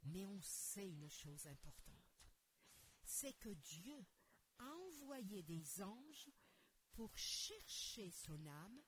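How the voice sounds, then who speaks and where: A woman narrating a children's Bible story expressively, pausing to ask the listener questions. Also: mid-range voice, sing-song, fairly bright tone, slight background noise.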